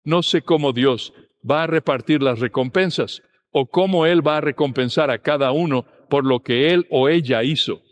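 A man preaching a sermon, speaking in a steady, earnest teaching manner. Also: fairly high pitch, moderate pace.

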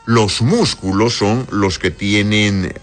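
Soft music plays in the background as a man in the role of an on-air doctor reads listener questions aloud. His voice is fairly low and slow, and his answers are blunt and explanatory, often ending with a checking "right?"

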